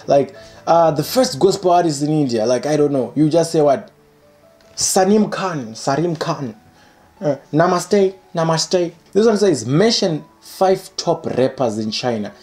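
A man's voice: on the high side, unhurried, soft background music. Playful young man joking to camera. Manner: playful, animated, reading comments aloud and joking. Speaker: channel host. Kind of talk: casual comedic commentary. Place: indoor room by a curtained window.

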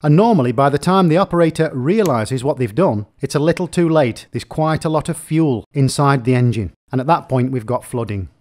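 A man's voice: medium pitch, fairly quick, hardly any pauses, darkish tone. Methodical man explaining repairs. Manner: methodical, plain explaining, repeats points. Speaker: repair technician explaining chainsaw faults. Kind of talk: instructional narration.

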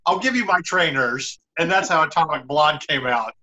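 Speaking at an ordinary pace in a pushed, bright voice of fairly high pitch, a middle-aged man hosts a relaxed interview. The video call from an indoor room sounds slightly dull.

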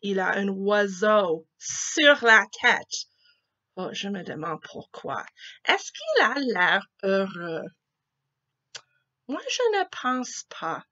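A woman teacher reading a picture book aloud to children, slowly and expressively, asking them questions. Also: mid-range voice, pushed and bright, muffled recording.

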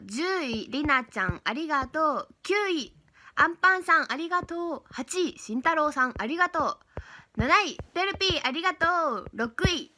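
A young woman hosting her own idol livestream chats casually and giggles, reading out fans' names to thank each viewer individually. Her voice is high-pitched and sharp, with a little hiss or hum.

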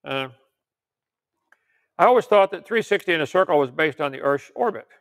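Gravelly older man preaching folksy. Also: on the high side, lively intonation, normal speed, fairly bright tone. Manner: folksy, jokey asides, reads out articles and questions. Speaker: preacher and creationist lecturer. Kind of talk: informal teaching sermon with audience questions.

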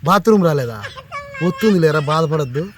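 A man acting a hard-of-hearing uncle in a village comedy skit, mishearing everything and scolding loudly. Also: on the high side, lively intonation, fast, heavy background noise.

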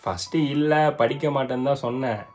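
A young man performs in a comedy skit with a relaxed, easygoing delivery. His pitch sits mid-range, and he can slow down and turn earnest and reflective. Faint music runs underneath. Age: young adult. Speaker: comedy skit actor, older brother figure.

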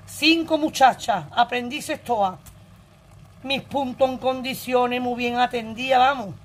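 A woman's voice: a little high, a little slow. A woman in her forties with an Andalusian Spanish accent, telling her own story to her viewers in a blunt, earthy, emotional way and swearing freely. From Andalusia, Spain. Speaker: vlogger.

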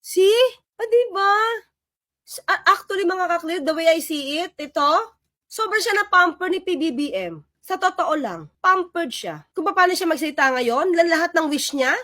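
A woman reacting to clips in lively, sarcastic political commentary. Her voice sits high and sounds bright and sharp. The recording is dry, with no room sound. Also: moderate pace, no echo.

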